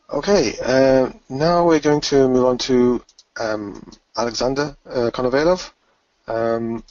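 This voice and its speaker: A man's voice: medium pitch, no echo. A man moderating a webinar and introducing the next speaker over a video call, with many hesitant fillers. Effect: heard over a video call. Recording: distant, dull video-call audio.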